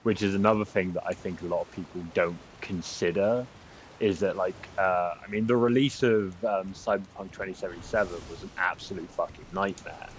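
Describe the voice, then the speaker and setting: A man's voice: low voice, steady tone, brisk, slight background noise, rough recording. A man chatting casually while playing a game on stream, easygoing with dry remarks and offhand swearing. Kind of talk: casual chat while gaming.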